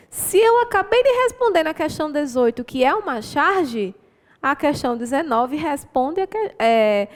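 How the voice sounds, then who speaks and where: A Brazilian teacher with a high-pitched voice goes through exam answers, explaining patiently and encouraging her students while frequently checking in with tag questions. A long reverb tail trails her speech.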